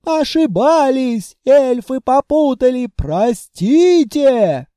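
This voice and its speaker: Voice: high-pitched, takes it slowly, mellow, no echo, clean studio sound, voice pushed up. A reader voicing two cowardly lizard-men brothers who wail and beg for mercy in an audiobook. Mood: wailing, begging. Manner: wailing, begging.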